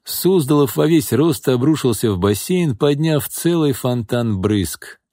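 A man narrating an audiobook in a measured, even reading style. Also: mid-range voice, no echo, studio quality. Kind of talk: scripted narration.

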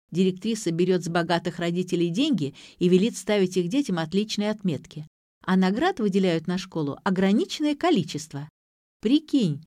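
A woman voicing a bold young woman who tells her story in a lively, confident way. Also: medium pitch, no echo, clean studio sound, natural voice. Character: bold clever young woman, older sister.

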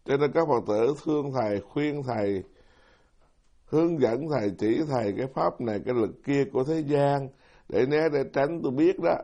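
Folksy monk preaching. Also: male voice, mid-range voice, moderate pace, warm tone, lo-fi sound. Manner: folksy, self-deprecating, asks the audience questions. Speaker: Buddhist monk giving a dharma talk. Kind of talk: sermon.

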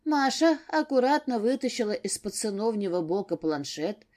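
A woman reads an audiobook in a steady, measured narration. Her voice sits at a middle pitch for a woman. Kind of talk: scripted narration.

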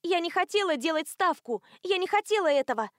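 A woman reading an audiobook, voicing a flustered young woman who speaks in a nervous, high, pleading way. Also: lively intonation, unhurried, a little mellow, no room sound, clean studio sound. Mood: panicked. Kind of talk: audiobook character voice.

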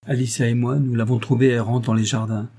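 A man's voice: mid-range voice, little pitch movement, a little fast, warm tone, lightly acted. A man reading a classic novel aloud, voicing a sly young wife who answers her husband with hesitant, embarrassed replies. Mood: explaining. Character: young charming lady, evasive and sly. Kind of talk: audiobook character reading.

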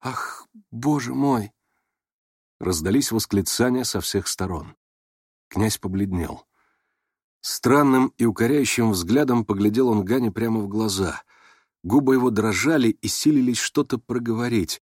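A man narrating a classic novel in a steady, measured audiobook reading. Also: on the low side, no echo, studio quality.

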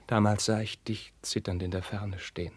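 An actor playing a young prince torn by forbidden love, declaiming classical verse with passion and dropping into hushed whispers. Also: male voice, on the low side, little pitch movement, normal speed, husky, dry recording. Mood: impassioned. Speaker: actor in a radio play. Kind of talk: classical verse radio drama.

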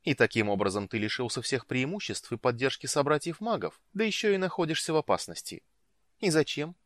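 A man's voice: mid-range voice, very animated, a bit bright, no echo, clean studio sound, voice pushed up. A man voicing an impatient young woman. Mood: reproachful. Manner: brisk, impatient, teasing. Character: impatient lively young woman, lover of a lord. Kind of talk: audiobook reading.

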